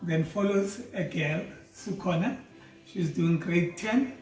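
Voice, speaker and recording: Earnest South African man, high voice. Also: takes it slowly, darkish tone. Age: middle-aged. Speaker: doctor and theology student. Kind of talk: personal introduction video. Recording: roomy, mic at a distance, faint music.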